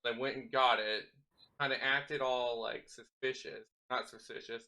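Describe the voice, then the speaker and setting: A man's voice: mid-range voice, steady tone, a little slow, bright, forceful tone. Casual young man saying dude. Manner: rambling, swears, says dude a lot. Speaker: podcast host. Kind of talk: casual chat. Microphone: home microphone.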